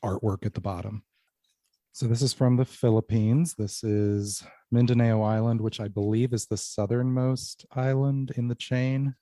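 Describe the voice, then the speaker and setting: Male podcast host, mellow and lowish, measured explainer, dry close sound. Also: fairly even intonation, no room sound. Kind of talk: casual podcast chat, guided tasting.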